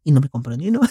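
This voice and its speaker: A man's voice: high voice, warm tone, breathy edge, no echo, clean studio sound. A young man with a Mexican accent giving a crude, joking comedic monologue full of slang. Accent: Mexican Spanish.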